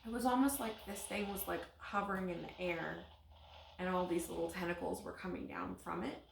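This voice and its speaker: Halting woman with creaky voice, roomy sound. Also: fairly low pitch, fairly even intonation, a little hiss or hum. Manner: halting, searching, trails off mid-phrase. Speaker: paranormal investigator receiving in a spirit box session. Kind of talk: halting, unscripted narration of impressions.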